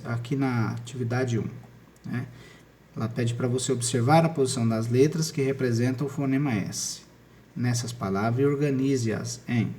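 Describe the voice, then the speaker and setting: A man's voice: mid-range voice, warm tone. A man teaching a recorded spelling lesson, explaining patiently step by step and often checking in with his students.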